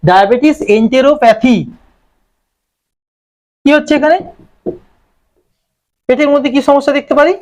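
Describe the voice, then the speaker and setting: A man's voice: very high voice, normal speed, pauses often, darkish tone. A man lecturing on medicine in a classroom style, with a Bengali accent, who asks questions and then answers them himself. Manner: explains terms, asks and answers own questions.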